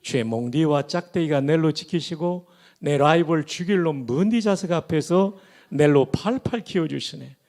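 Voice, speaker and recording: A pastor voicing a gruff man reciting a psalm in a Gyeongsang accent, forceful and punchy. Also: on the high side, normal speed, close to an everyday voice. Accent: Gyeongsang dialect.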